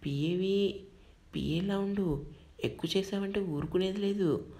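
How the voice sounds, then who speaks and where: Woman doing angry young boss man, shouting, scolding, harsh, audio story. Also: medium pitch, measured pace, natural voice.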